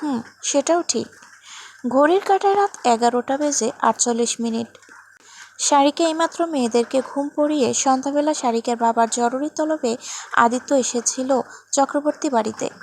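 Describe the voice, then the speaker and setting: A woman storyteller reading a sad family story aloud in a gentle, even way. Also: high-pitched, normal speed, a little hiss or hum. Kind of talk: scripted story narration.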